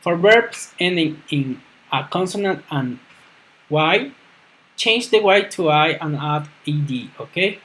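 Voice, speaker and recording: A man teaching a grammar lesson, who checks in with a questioning "ok?" after almost every phrase and slowly repeats words to show their stress. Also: on the high side, animated, fairly bright tone, rough recording. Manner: clears throat now and then. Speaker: English teacher. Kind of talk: explaining grammar rules in a lesson.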